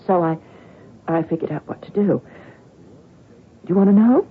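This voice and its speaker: A natural-sounding, lowish female voice at normal speed voices a bitter, burnt-out tennis champion in a radio play. Weary and sardonic, she breaks dramatically into anguish. Slight background noise and music sit behind the tinny, old-fashioned broadcast sound.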